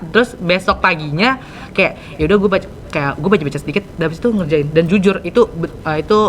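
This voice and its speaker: A teenage podcast host from Indonesia with a Jakarta accent talks fast in a mid-range voice. The casual interview chat is slangy and informal, sprinkled with English.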